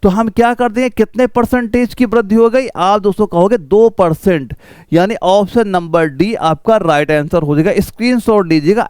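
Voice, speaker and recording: A man's voice: high voice, darkish tone, no room sound. A man teaching an exam-prep math lesson, walking students through each step with repeated rhetorical questions.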